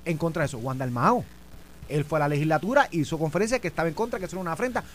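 A middle-aged man with a Puerto Rican accent hosting a political talk show, animated and argumentative. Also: a little high, racing. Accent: Puerto Rican Spanish. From Puerto Rico. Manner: animated and argumentative, talks over his co-host. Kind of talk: political commentary chat. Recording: faint background hum.

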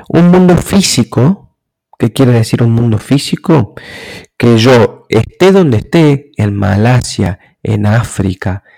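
A man with a gravelly, creaky voice gives an explanatory talk. He speaks at a measured pace and keeps checking in with his listeners through short rhetorical questions. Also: medium pitch, darkish tone, poor audio.

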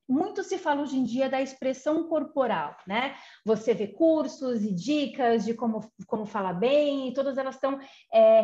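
A woman giving an informal talk on communication, explaining step by step with frequent fillers and tag questions. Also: a little high. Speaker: communication guidance speaker. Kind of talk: informal lecture. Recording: slightly muffled lo-fi audio.

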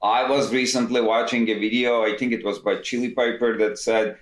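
A man's voice: mid-range voice, fairly even intonation, moderate pace. A man in his fifties from Turkey, a company founder explaining his background as a guest in a casual interview, often restarting his phrases. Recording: roomy echo.

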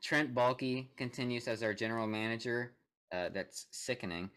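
A man's voice: medium pitch, normal speed, fairly bright tone, smooth. A young man co-hosting a casual sports podcast, reading statements aloud with joking asides and frequent laughs. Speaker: podcast co-host.

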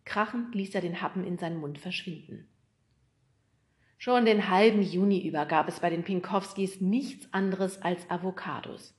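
A woman reading a children's book aloud as an audiobook narrator, in a lively, expressive way. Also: fairly low pitch, normal speed.

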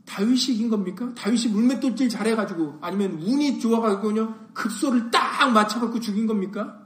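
A man's voice: sits high, fairly quick, a bit bright, roomy sound. A man pastor preaching a sermon, full of rhetorical questions and acted-out quotes.

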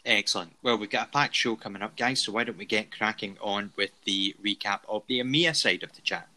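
A man's voice: on the low side, a little fast, pushed and bright, rough recording. A Scottish man co-hosting a show in a jokey, upbeat casual chat. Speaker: podcast co-host.

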